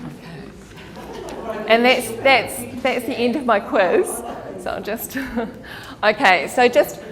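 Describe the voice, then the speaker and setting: A woman's voice: fairly high pitch, lively intonation, slow, a crowd in the background. A woman with a New Zealand accent, a career counsellor giving a chatty workshop talk to an audience, laughing often. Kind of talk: informal workshop presentation. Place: meeting hall with audience. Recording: long hall reverb.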